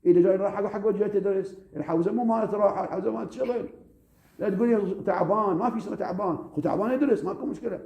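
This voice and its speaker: Sheikh teaching seminary students, highish soft-toned voice, pushy, keeps repeating and asking "clear?". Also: male voice. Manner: emphatic and repetitive, with rhetorical questions; slows down to stress key phrases. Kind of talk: lecture of advice to seminary students.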